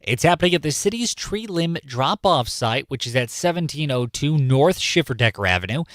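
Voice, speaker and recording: On the high side and expressive, this man's fairly bright voice moves at normal speed as he hosts morning radio news from a studio. The California native keeps it casual and jokey, going over points more than once, and the studio-mic recording is dry and clean.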